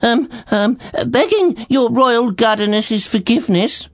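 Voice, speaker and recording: A man's voice: very high-pitched, expressive, measured pace, pitched above the performer's own voice, heavily acted. A man voicing a nervous, wheezing old butler in a storybook, stammering as he speaks.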